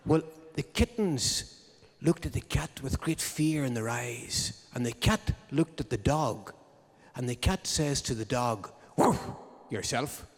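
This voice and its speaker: A man's voice: mid-range voice, animated, takes it slowly. A man, hosting a live music show and telling a comic story to the audience with droll timing. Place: live concert hall. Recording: long hall reverb from a live venue.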